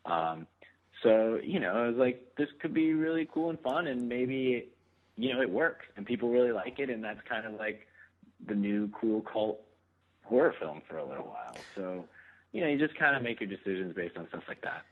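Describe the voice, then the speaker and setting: A man's voice: fairly low pitch, normal speed. A man in his thirties, an actor, chatting casually as a guest, rambling with lots of fillers and easy laughter. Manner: relaxed, rambling, many fillers, laughs easily. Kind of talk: casual phone interview. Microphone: phone line. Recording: tinny phone line.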